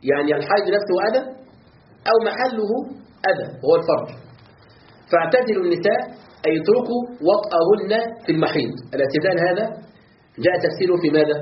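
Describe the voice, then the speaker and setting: Fast-talking sheikh teaching a class. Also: male voice, a little high. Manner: quick, asks students questions and answers himself; recites verses, repeats words to drill them. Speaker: sheikh teaching Quran commentary. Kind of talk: classroom lesson explaining a text. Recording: dull, echoey room with faint hiss.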